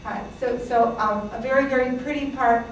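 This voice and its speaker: Her voice is a little high, her intonation fairly even, and her pace fairly quick as this Greek woman in her sixties recounts her family's immigration for an audience. She chats along with fillers and light laughter. A little hiss or hum is audible, and the sound is distant and echoey, as in a hall.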